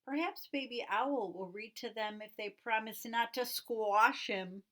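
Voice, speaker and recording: A woman voicing a gentle, calm grown male owl who is a kind father. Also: fairly high pitch, a little slow, voice pushed up.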